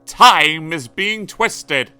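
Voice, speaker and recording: A man voicing the Doctor, a pompous, excitable Time Lord who talks in a grand, long-winded way in a storybook reading. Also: fairly high pitch, extremely slow, clean tone, faint music behind, pitched above the performer's own voice, heavily acted. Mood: alarmed.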